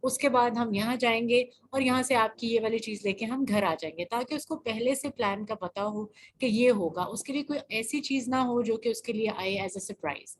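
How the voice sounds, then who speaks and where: A woman specialist answering a parent's questions in a webinar, calm and advising, mixing in English phrases. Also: fairly high pitch, hardly any pauses, slight background noise.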